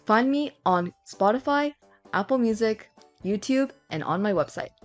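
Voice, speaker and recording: A woman's voice: a little high, expressive, normal speed, soft background music. A woman hosting a casual language lesson podcast, explaining in a chatty way with fillers and asides. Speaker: podcast host.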